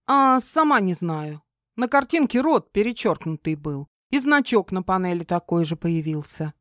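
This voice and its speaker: A woman reading an audiobook, voicing a jumpy, sharp-tongued young woman who gabbles fast and snaps back. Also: lowish voice, very animated, dry recording, clean studio sound. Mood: snappy. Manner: rapid, flustered, snapping.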